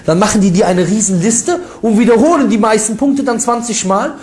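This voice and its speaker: A man giving an informal religious lecture that rebuts critics, lively and mocking, with ironic asides and quick laughs. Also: high-pitched. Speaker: Islamic preacher. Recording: echoey room sound.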